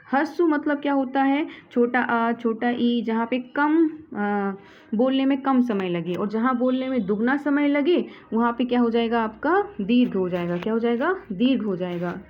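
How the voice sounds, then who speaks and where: A woman's voice: a little high, moderate pace. A woman teaching Hindi grammar who asks her class questions and then answers them herself, often repeating "ठीक है". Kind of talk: classroom explanation. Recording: slightly dull audio with faint background noise.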